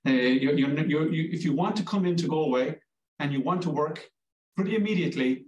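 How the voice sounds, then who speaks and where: A man's voice: fairly high pitch, fairly quick, a little mellow. Irish man from Cork, echoey and distant. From Ireland, Cork. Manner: chatty, reassuring, frequent restarts. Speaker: language school director. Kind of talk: promotional interview answers.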